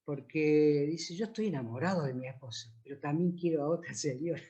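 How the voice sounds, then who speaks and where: A man with an Argentine Spanish accent, a priest, telling anecdotes at a book presentation and acting out the dialogue. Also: moderate pace. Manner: anecdotal, acts out dialogue with lively pitch jumps. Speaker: priest and author.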